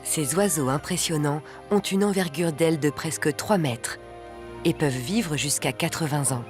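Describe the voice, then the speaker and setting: A documentary narrator with a medium-pitched voice delivers scripted nature narration. The delivery is measured and articulate, with music playing underneath.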